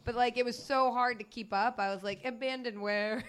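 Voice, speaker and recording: A woman's voice: fairly high pitch, fairly even intonation, normal speed, smooth. A woman guest on a live podcast stage, bubbly and chatty, laughing as she talks. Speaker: guest, show creator. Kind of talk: casual live podcast chat. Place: small stage before a live audience.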